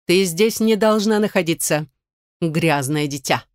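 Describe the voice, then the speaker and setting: A woman's voice: on the low side, normal speed, clean tone, no room sound, clean studio sound, close to an everyday voice. A woman voicing a cold, stern noblewoman stepmother who scolds harshly. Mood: contemptuous. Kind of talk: audiobook role reading.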